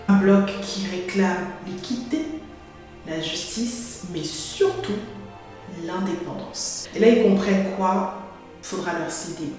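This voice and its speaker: A woman narrates a history lesson, speaking straight to her viewers and telling the story clearly. Her voice rings through a very echoey room, with soft music playing faintly underneath. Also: medium pitch. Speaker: history explainer. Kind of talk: educational narration to camera.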